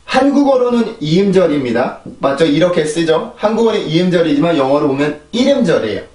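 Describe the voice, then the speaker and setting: A man's voice: on the high side, sing-song, brisk, a little mellow, distant mic. A man teaching English pronunciation, explaining patiently and repeating model words several times over. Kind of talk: pronunciation lesson. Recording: echoey room, voice a bit off-mic.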